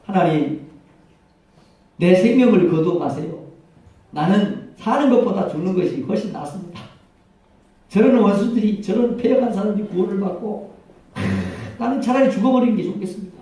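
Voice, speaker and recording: A man's voice: high-pitched, animated, moderate pace, long pauses, mellow. A man preaching in an echoey hall voices a sulking prophet who pleads to die. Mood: bitter pleading. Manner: pleading, complaining. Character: sulking bitter male prophet begging to die. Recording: echoey church hall from far off.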